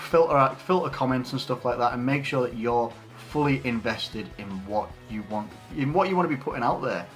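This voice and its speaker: In a relaxed, off-the-cuff Q&A, a twenty-something YouTuber from England responds to questions from his viewers. He has a medium-pitched, slightly bright voice and tends to ramble, with frequent fillers and restarts.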